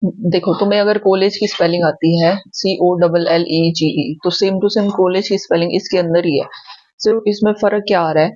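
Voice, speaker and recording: A woman's voice: lowish voice, fairly even intonation, moderate pace, darkish tone, dry recording, muffled recording. A woman teacher giving a spelling lesson for exam preparation, spelling words out letter by letter and often checking that students follow. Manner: patient, repeats checks like "ठीक है?".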